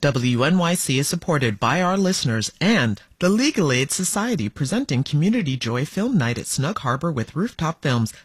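A man announcer reading a brisk, scripted sponsorship message. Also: on the high side, breathy edge, no echo.

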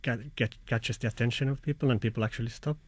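A man from Finland, an artist answering slowly and reflectively, searching for words. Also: medium pitch, fairly even intonation. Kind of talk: interview answers.

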